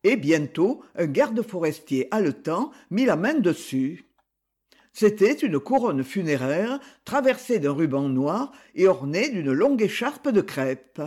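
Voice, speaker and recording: Husky, animated male audiobook narrator. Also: high voice, measured pace. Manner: expressive reading with voiced dialogue. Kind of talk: scripted narration.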